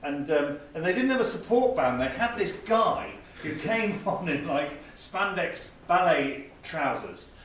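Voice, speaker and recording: Middle-aged male co-host, natural unscripted chat, slightly high voice, distant in a very echoey room. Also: expressive, unhurried, hardly any pauses, a bit bright. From Northampton, England. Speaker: podcast co-host. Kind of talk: natural unscripted casual chat about music. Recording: very echoey room, distant mic, faint noise.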